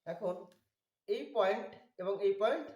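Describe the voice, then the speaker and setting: A man giving a slow, methodical drawing tutorial, walking through each step. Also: sits high, lively intonation, darkish tone, roomy sound, dull audio. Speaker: drawing instructor.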